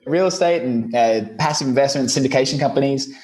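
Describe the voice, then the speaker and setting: An Australian man chatting as a podcast guest, easygoing and unhurried, with plenty of "you know" and "like". His voice sits at a middle pitch for a man, and he comes through a remote call. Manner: relaxed and deliberately slowed, with fillers like "you know". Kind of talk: casual interview talk. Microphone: remote call recording.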